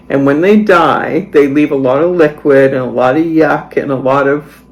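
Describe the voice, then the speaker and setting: A woman's voice: sits low, a little mellow, poor audio. A middle-aged woman vlogger talking casually to her viewers, chatty and dryly sarcastic as she tells a story. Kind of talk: casual chatty voice-over vlog.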